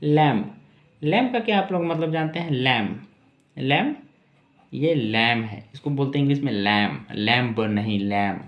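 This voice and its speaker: A man teaching English pronunciation in Hindi, saying each word slowly, repeating it and asking questions to his viewers. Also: medium pitch, expressive, echoey room, lo-fi sound. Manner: slow, repeats each word and its meaning, asks rhetorical questions.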